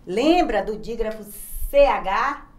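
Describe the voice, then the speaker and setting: Professora brasileira paciente, em sala com eco. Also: female voice, a little high, expressive, slow pace, darkish tone, reverberant, poor audio. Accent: Brazilian Portuguese. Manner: patient, spells out letters one by one, addresses children directly. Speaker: primary school teacher. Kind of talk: recorded online grammar lesson.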